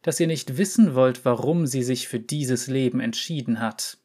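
A man reading an audiobook story, voicing a calm, unsettling female runesmith who speaks with measured authority. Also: medium pitch, breathy edge, natural voice. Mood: calm, authoritative.

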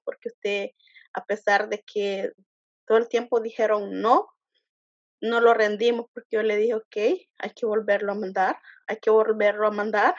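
A woman being interviewed, talking earnestly and haltingly, with frequent restarts and fillers. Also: fairly high pitch, dry recording. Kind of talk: emotional personal testimony. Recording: dull lo-fi dry sound.

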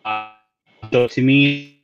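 A man from South America, a guest on a remote call, explaining things in a measured way with many fillers while his call audio breaks up and freezes. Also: medium pitch, fairly even intonation, soft background music. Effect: online call audio breaking up and freezing. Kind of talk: casual explanatory chat. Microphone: remote video call. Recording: dull lo-fi call line, breaking up.

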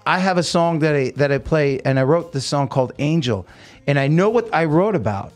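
A man with a somewhat high voice hosts a relaxed, informal chat. He tells anecdotes excitably, jumping into quoted lines, while music plays faintly behind him. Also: a little fast. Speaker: interview host and singer.

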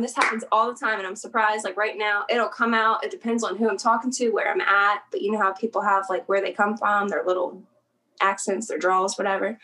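A young adult woman from South Central Pennsylvania, medium-pitched and a bit bright, appears as a guest in a casual interview. She's chatty and laughs easily, frequently trailing off and restarting sentences.

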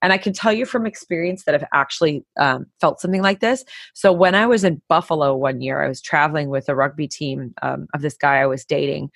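Casual woman co-host, low voice, dry close sound, rambling storyteller. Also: gravelly, fairly bright tone, no room sound. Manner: chatty storyteller, many fillers. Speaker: podcast co-host. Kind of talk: casual chat.

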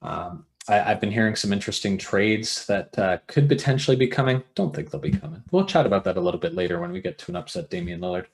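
A man's voice: lowish voice, animated, quick pace, creaky, few pauses. Easygoing man hosting a sports chat. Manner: easygoing, jokey, steers the talk with questions. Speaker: podcast host.

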